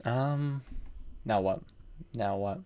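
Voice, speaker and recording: A medium-pitched, mellow voice with a clean tone, delivered extremely slowly. The speaker, an American man in his early twenties, is live-streaming chess, musing aloud over his moves and responding to chat in a laid-back way.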